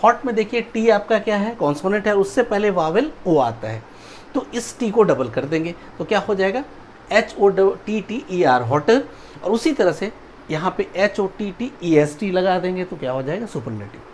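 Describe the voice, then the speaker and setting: With a high, slightly mellow voice, lively intonation and normal speed, a man teaches grammar on video, spelling out words letter by letter. He often asks "ठीक है" and "समझ में आया?" to confirm the class follows, and a little hiss or hum is audible.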